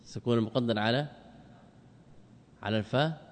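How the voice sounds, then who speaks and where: Man quizzing students in an echoing hall. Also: mid-range voice. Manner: quizzes students with quick questions and answers them himself; drills word forms slowly, stretching examples. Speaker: Islamic scholar teaching Arabic grammar. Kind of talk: classroom lecture explaining a grammar poem.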